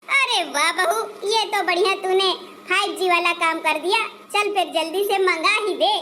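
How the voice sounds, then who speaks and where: A woman's voice: extremely high pitch, normal speed, bright, forceful tone, a little hiss or hum. A woman voicing a fussy cartoon mother-in-law. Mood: bossy. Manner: flustered, stammering when caught. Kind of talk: Hindi cartoon dubbing.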